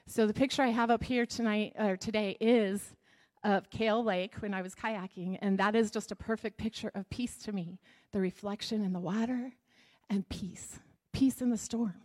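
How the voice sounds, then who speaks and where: A woman preaching a sermon to a congregation, chatty and lively, laughing often, dropping to a soft whisper when she prays. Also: medium pitch, normal speed.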